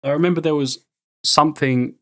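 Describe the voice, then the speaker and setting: A man's voice: on the high side, steady tone, a little fast. A man bantering casually as a podcast co-host and quiz contestant. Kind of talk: casual chat, joking banter.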